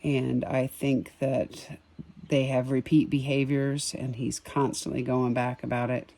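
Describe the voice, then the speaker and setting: A sketch artist and empathic reader vlogs outdoors in the evening, musing unscripted over a drawing in casual commentary. The voice is medium-pitched, level, a little slow, gravelly and mellow, rambling with frequent ums and small chuckles.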